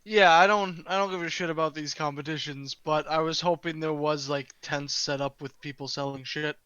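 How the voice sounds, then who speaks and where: A man playing a tabletop game, speaking hesitantly with many pauses. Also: on the high side, steady tone, pushed and bright, smooth, dry recording. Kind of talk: casual in-character game talk. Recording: dull lo-fi mic.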